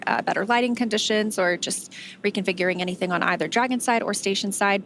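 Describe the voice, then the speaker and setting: A woman's voice: mid-range voice, a bit bright, slight background noise. A woman giving conversational, explanatory live commentary as a space mission broadcast host.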